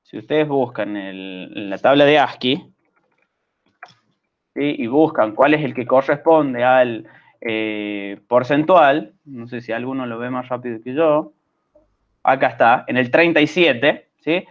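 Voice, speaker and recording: A male programming teacher with an Argentine Spanish accent, explaining patiently in an online class and often checking understanding with quick questions. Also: mid-range voice, lo-fi sound.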